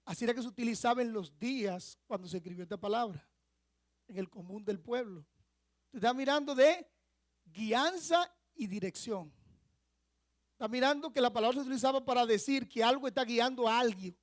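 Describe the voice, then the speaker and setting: A man's voice: extremely high pitch, brisk, dry recording, clean studio sound. A male pastor from the Dominican Republic preaching a sermon in a church, explaining a word and asking the congregation questions. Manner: teaching with rhetorical questions to the congregation. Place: church sanctuary.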